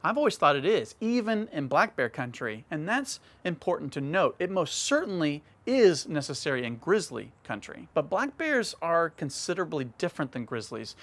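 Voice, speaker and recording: An outdoors vlogger tells a hiking story, speaking casually and straight to his viewers in a conversational way. His voice is fairly high and a bit bright.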